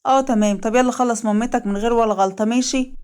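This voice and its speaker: A woman's voice: on the high side, fairly even intonation, very fast, darkish tone, clear, resonant tone, close to an everyday voice. A woman voicing a spiteful scheming aunt with an Egyptian accent, giving orders in a commanding way. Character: scheming middle-aged aunt, spiteful villain.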